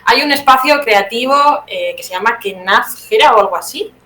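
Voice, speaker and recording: Animated and sharp-toned, a woman from Teruel, Spain, answers interview questions at a moderate pace in a fairly high voice with a Spanish accent. The guest playwright reflects aloud and corrects herself; the recording carries roomy echo and some background noise.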